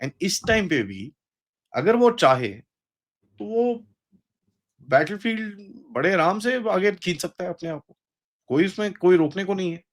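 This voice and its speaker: Animated Indian man, mid-high voice. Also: a little slow, pauses often. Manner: animated, mixes English phrases, acts out quoted speech. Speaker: guest analyst. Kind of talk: casual political discussion.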